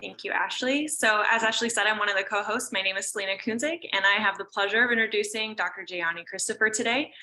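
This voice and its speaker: A woman co-hosting an online webinar over a video call, reading a brisk scripted introduction of the speaker. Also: medium pitch, sharp tone, poor audio. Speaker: co-host.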